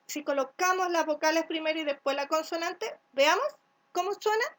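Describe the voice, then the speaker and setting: A woman from Chile teaching a first-grade class, speaking slowly and clearly, sounding out letters and syllables and often checking with "¿cierto?". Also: extremely high pitch, fairly bright tone. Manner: asks "¿cierto?" to check along. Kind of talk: recorded remote class instructions.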